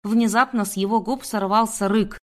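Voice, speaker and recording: Female audiobook narrator, measured first-person delivery. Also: mid-range voice, steady tone.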